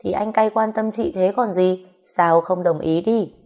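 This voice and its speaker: A woman's voice: medium pitch, steady tone, a little slow, a little mellow, pitched above the performer's own voice, lightly acted. A woman voicing a playful young mother who teases and wheedles in a storybook reading. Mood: coaxing. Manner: teasing, wheedling, cajoling.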